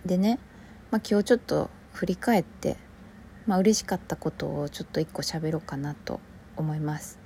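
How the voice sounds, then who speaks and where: Mellow Kansai woman, rambling soft chat. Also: low voice, moderate pace, a little hiss or hum. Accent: Kansai Japanese. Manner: relaxed and rambling, often dropping to a soft near-whisper. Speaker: actor hosting her own solo audio show. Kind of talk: casual solo podcast chat.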